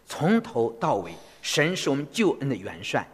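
A man interpreting a sermon phrase by phrase in an animated way. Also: a little high, normal speed, slightly rough. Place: church hall. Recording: long reverb of a church hall.

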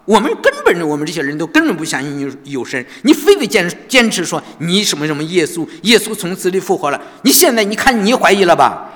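A bullying male prison guard jeers with raised, wildly swinging pitch, as a man puts him on. His taunts come as sneering questions. The voice rings in a long church echo. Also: fairly bright tone.

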